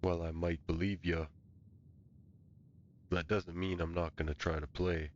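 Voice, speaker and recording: Deep-voiced man role-playing in a game. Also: little pitch movement, a little slow, muffled recording, a little hiss or hum. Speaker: player character in a fantasy game. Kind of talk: improvised in-character role-play chat.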